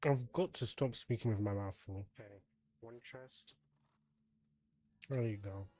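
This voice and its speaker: Mellow-voiced man chatting on a game stream. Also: on the low side, a little slow. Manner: chatty, talks to viewers while fiddling with setup. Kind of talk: casual live-stream chat while gaming.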